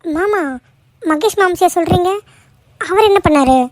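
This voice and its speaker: A woman's voice: very high voice, a little slow, dry recording, clean studio sound. A woman voicing a caring young daughter-in-law in a cartoon, pleading and soothing. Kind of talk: cartoon voice acting.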